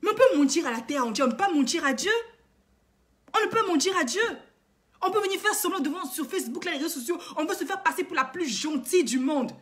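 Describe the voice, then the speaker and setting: Brief: woman vlogger with a high voice, indignant, lectures her viewers through repeated rhetorical questions. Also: lively intonation, fast talker, a bit bright. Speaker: online coach and vlogger. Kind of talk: impassioned moralizing monologue to viewers.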